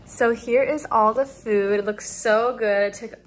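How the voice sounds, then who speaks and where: A young woman in her college years, a sorority rush chair who vlogs, narrates to a handheld phone held at arm's length in a bubbly, girly way. Her voice is fairly high and a little slow, with fairly even intonation. Soft music plays under noisy room and street ambience.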